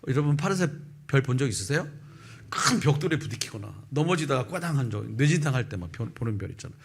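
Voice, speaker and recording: A male pastor in his fifties preaching a sermon and telling a personal testimony, with lively storytelling that acts out the people in it. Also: medium pitch, fast talker, breathy edge. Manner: animated storytelling, acting out quoted voices. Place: church sanctuary.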